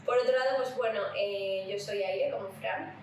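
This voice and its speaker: This casual, playful podcast chat comes from a woman co-host with a Spanish accent from Spain, speaking in a mid-range voice at a moderate pace. She's in a room at home, and the recording is very echoey, with a distant mic and a little noise.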